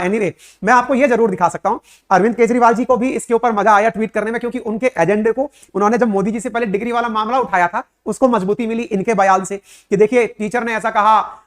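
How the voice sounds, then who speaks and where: High in pitch and fairly bright, this man explains current affairs to viewers in a chatty lecturing style. He leans on rhetorical questions, speaks to his audience directly, and drops in English words.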